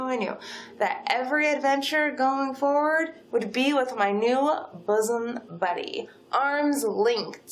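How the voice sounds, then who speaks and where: Woman playing an unhinged, menacing, possessive yandere kidnapper. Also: fairly high pitch. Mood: giddy, obsessive. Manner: unhinged sweet menace, gushing then threatening. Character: possessive yandere supernatural female kidnapper, gushing and controlling. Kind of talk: dramatic second-person role-play monologue.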